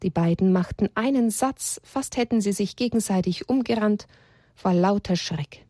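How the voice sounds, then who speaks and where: A woman reading a children's story aloud in a gentle, expressive storytelling voice. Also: medium pitch, moderate pace, no room sound, studio quality.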